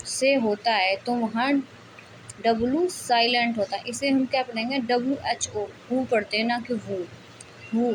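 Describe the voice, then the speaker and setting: A young woman teaches English spelling in an unhurried, patient way, repeating each point and putting questions to her listener. Her voice sits a little on the high side. A faint hiss of background noise runs under the recording. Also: rough recording. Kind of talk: spoken Hindi lesson on English spelling.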